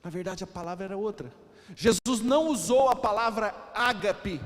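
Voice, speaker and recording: A man's voice: high voice, moderate pace. A Brazilian man preaching a sermon as pastor. He explains with emphasis and acts out the quotes he reads. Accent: Brazilian Portuguese. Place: church hall. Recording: reverberant church hall.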